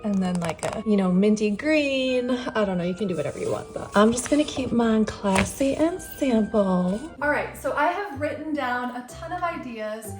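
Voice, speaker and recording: A woman's voice: a little high, expressive, music in the background. Bubbly young woman with a Minnesotan accent. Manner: bubbly, chatty, lists items in quick succession. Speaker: lifestyle vlogger. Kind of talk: casual crafting vlog and voiceover.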